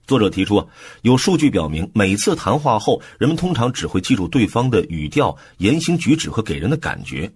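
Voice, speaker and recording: Narrating an audiobook's book summary, a man explains things in a relaxed way, dropping in soft filler sounds. His voice is lowish and husky, and he talks a little fast.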